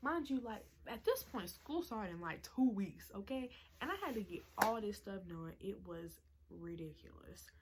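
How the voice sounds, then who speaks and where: A woman around twenty telling a storytime vlog in a chatty, excitable way, full of "like" and "y'all". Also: medium pitch, moderate pace, few pauses, background noise. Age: 20s. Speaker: vlogger.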